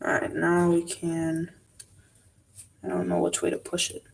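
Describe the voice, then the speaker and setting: Sounding somewhat far from the microphone, a man streaming live talks quietly to himself as he builds a model. His tone is level and creaky, and he speaks a little slowly.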